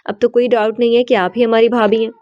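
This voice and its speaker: A woman's voice: a little high, flat delivery, dry recording, natural voice. A woman voicing a charming, teasing young man in an audiobook novel. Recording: dull, slightly lo-fi.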